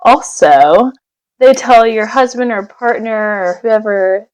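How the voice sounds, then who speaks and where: A woman's voice: fairly high pitch, slow pace. Woman sounding muffled, as through a wall. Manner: rambling, full of "like" fillers. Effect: muffled, as if heard through a wall. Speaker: guest telling her birth story. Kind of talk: casual chat.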